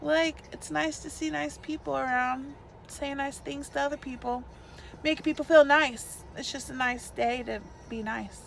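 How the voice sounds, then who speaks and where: A woman's voice: high-pitched, fairly even intonation, a little slow, gravelly, fairly bright tone. A tired young woman chatting casually in a parked car, self-mocking and laughing, filmed on a phone held at arm's length. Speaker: vlogger. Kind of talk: casual vlog chat.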